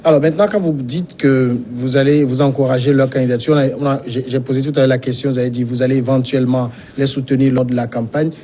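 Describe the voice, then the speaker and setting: A man's voice: mid-range voice, fairly even intonation, fast, hardly any pauses, warm tone. A male TV interviewer from Togo asking probing questions about local elections. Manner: probing, with brief backchannels.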